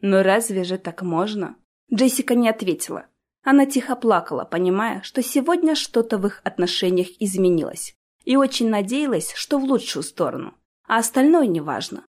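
A woman narrating a fantasy audiobook in a steady storytelling manner. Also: on the high side, brisk.

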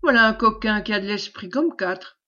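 A woman's voice: medium pitch, expressive, moderate pace, sharp tone. Woman reading as a brash greedy knight. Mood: boisterous. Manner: boisterous, commanding. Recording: dull lo-fi recording.

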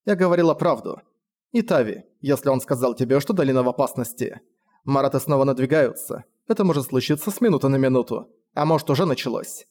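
A pleading, indignant young village woman, as a male narrator puts her on, lifted a little higher than his usual tone. Her lines stay urgent and earnest throughout the storybook scene. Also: animated, fast talker, darkish tone, natural voice. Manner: pleading, slightly raised voice.

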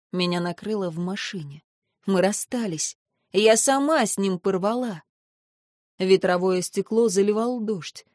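A woman's voice: mid-range voice, darkish tone, dry recording, clean studio sound. A woman narrating a first-person audiobook with an emotional, intimate reading.

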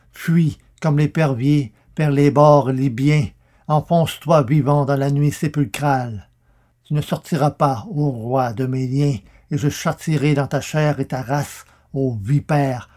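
A man's voice: mid-range voice, darkish tone, close to an everyday voice. A man declaiming as a wrathful old prophet. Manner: thundering solemn declamation.

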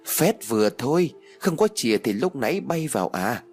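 A man voicing a blunt, hot-tempered young woman in an audio story, with a husky tone. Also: medium pitch, very animated, normal speed, a little mellow, faint music behind, voice pushed up. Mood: irritated.

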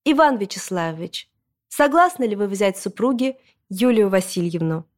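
A woman voicing a pompous middle-aged female registrar in a storybook reading, speaking in a solemn, ceremonial, drawn-out way. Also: mid-range voice, lively intonation, natural voice.

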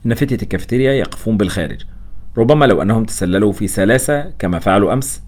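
A man's voice: lowish voice, lively intonation, very fast, darkish tone. A man voicing a sly female secretary who talks in a teasing, mischievous way.

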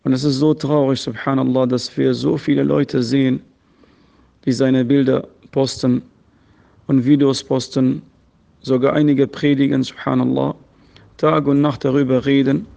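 A man's voice: mid-range voice, little pitch movement, moderate pace, vocal fry, dark tone. A man preacher leaving a recorded voice message, earnestly and urgently exhorting his listeners. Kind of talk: spoken voice message sermon.

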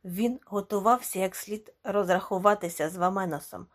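A woman reading a short story aloud as audiobook narration, expressive and dramatic. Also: mid-range voice, moderate pace. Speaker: audiobook reader. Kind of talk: scripted narration.

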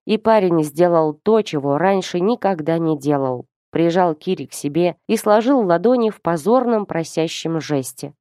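A woman narrating a fantasy novel in a steady storytelling manner. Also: lowish voice, moderate pace, few pauses, no echo, studio quality. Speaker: audiobook narrator. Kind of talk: scripted narration.

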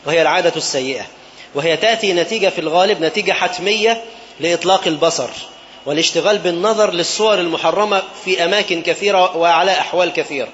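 Fast-talking Egyptian preacher, lo-fi. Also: male voice, sits high, a bit bright. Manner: storytelling with rhetorical fill-in questions to the audience. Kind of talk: sermon. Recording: dull lo-fi recording with faint background noise.

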